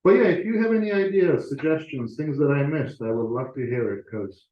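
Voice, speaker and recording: This man's voice sits on the high side and moves fairly quickly as he, an author, gives a conversational guest talk to a club audience in a meeting room. He's informal with a self-deprecating touch, and the recording is echoey and slightly muffled.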